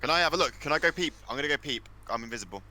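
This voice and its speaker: A man's voice: medium pitch, lively intonation, racing, sharp tone, low-quality recording. A man chatting casually as a player in a tabletop role-playing game, announcing what his character does.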